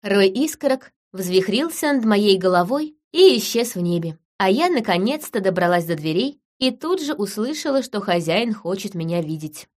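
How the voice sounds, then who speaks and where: A woman narrating a first-person fairy tale in a gentle, measured storytelling manner. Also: medium pitch, very animated. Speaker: audiobook narrator.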